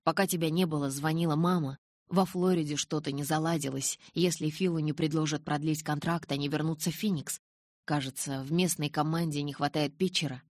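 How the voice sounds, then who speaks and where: A woman narrator voicing a worried middle-aged father who pleads softly with his daughter. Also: low voice, steady tone, brisk, no room sound, clean studio sound. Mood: pleading.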